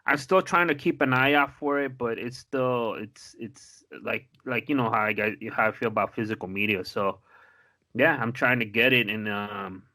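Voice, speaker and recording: A man chatting on a podcast in a bright, forceful voice, rambling and swearing freely through his stories. He talks in a loose way, full of "like" and "you know", with a pitch that sits in the middle for a man. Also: steady tone, moderate pace. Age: adult, married. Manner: loose and profane, rambling with many fillers. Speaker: podcast co-host. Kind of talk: casual chat.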